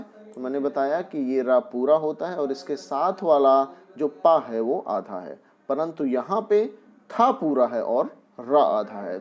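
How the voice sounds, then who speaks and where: A man's voice: mid-range voice, dull audio. A man teaching a Hindi spelling lesson to young pupils, patient and explaining step by step with repeated examples. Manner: often asks the class "है ना".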